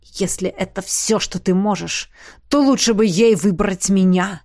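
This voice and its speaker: A woman doing a beat-up cocky guy, gruff and low-key. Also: measured pace, a little mellow, natural voice. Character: battered, cocky young male brawler.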